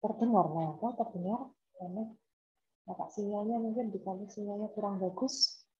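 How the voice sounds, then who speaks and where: Her voice is mid-range, mellow, and steady, delivered at a normal pace: she's a woman university lecturer from Indonesia teaching online via laptop video call. She keeps things informal, repeats herself, gives examples, and asks students questions. The call audio is dull and lo-fi.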